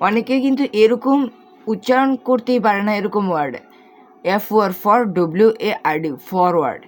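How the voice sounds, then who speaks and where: A woman's voice: medium pitch, normal speed, faint music behind. A woman teaching English spelling and pronunciation, spelling words out letter by letter and quizzing the viewer.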